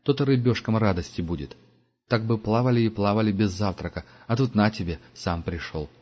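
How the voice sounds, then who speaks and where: A man narrating an audiobook in a measured, steady storytelling manner. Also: on the low side. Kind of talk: scripted narration. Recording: dull lo-fi audiobook recording.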